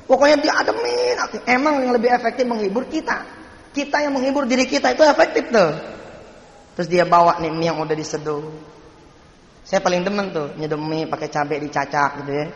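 Lively preacher. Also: male voice, sits high, brisk, gravelly, muffled recording. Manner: lively, jokey storytelling that addresses the congregation. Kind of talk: storytelling sermon. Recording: echoey hall with long reverb.

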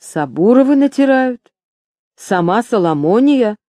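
An irritable old churchman who grumbles and scolds, as a woman reader puts him on. He talks slowly in a mellow, dry voice. This is an audiobook of a historical novel. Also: medium pitch, animated, dry recording. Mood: cross. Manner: scolding, querulous.

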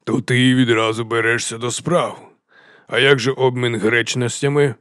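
A male audiobook narrator voices a fat, grinning hill chieftain, drawling his words into a lazy sing-song and lurching without warning from near-whisper to booming boast, jovial yet unhinged. His pitch is ordinary for a man, the tone level, resonant and clear, the pace moderate, and the voice natural in a dry, close recording.

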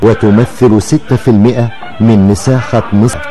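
An Egyptian man presenting on the radio as a documentary narrator, reading a script in a formal, measured way. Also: lowish voice, fairly even intonation, over music.

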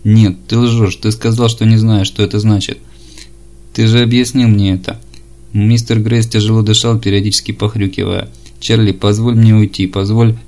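Low, flat male audiobook reader. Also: moderate pace. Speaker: audiobook narrator. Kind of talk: audiobook reading.

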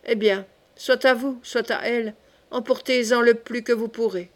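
A woman's voice: fairly high pitch, steady tone, moderate pace, close to an everyday voice. A woman reading the part of a bold, loyal young male captain, speaking in a resolute, soldierly manner. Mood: determined. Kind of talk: audiobook character reading.

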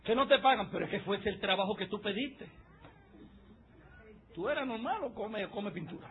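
A man preaching a sermon as pastor, fiery and mocking, swinging up into shouts. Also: sits high, lively intonation, moderate pace, phone-quality sound, slight background noise. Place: church service.

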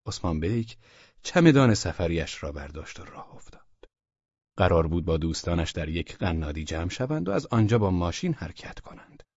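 A man narrating a humorous story as an audiobook, in a steady storytelling manner. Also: sits low, breathy edge, no echo. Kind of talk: scripted narration. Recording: dull, dry audio.

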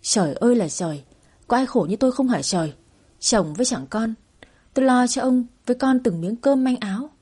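A woman's voice: a little high, brisk, mellow, husky, voice pushed up. A woman doing a stubborn self-pitying mother. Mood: wailing. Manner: wailing, obstinate.

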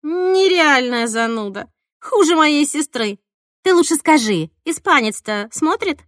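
A woman voicing a brash young woman friend who talks loudly and bluntly, in an audiobook. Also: high voice, expressive, measured pace, no room sound, studio quality, voice pushed up. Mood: teasing. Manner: loud and blunt.

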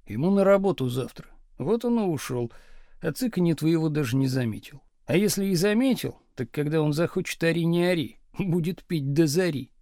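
A man reading an audiobook, voicing a meek, joking young husband who speaks softly and mildly. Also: a little high, expressive, a little fast, no room sound, studio quality. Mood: meek, wry. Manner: soft, mild, meek.

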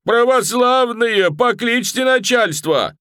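A man reading an audiobook, voicing a pious, desperate peasant who cries out loud. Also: very high voice, lively intonation, takes it slowly, clean tone, dry recording, studio quality, voice pushed up, heavily acted. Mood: wailing.

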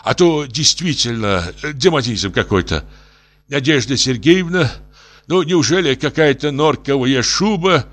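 A man's voice: animated, fairly bright tone. A man playing a tipsy, wailing professor. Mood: anguished. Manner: high, pleading, slow drawn-out wails. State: drunk. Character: tipsy, distraught middle-aged male professor.

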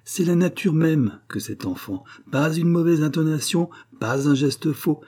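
A man playing an excitable theater manager. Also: fairly high pitch, measured pace, pitched above the performer's own voice. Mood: eager. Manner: eager, exclamatory, talkative. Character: enthusiastic middle-aged male theater manager.

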